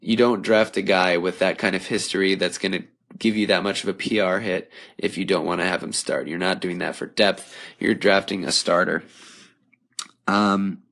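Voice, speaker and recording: A young man hosts a podcast on his own, musing out loud and filling pauses with ums. His voice sits very low with a gravelly, fry-laden texture. It sounds worn and slightly hoarse, as if he has been talking for a while. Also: steady tone. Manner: casual, thinking aloud with frequent ums. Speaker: podcast host. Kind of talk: solo podcast commentary.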